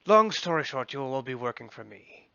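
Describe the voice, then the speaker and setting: A man's voice: medium pitch, very animated, a little fast, vocal fry, pushed and bright, no room sound, full character voice. Man doing a proud german-tinged villain doc, insulting and boastful, dull lo-fi audio. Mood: commanding. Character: proud belligerent male villain doctor.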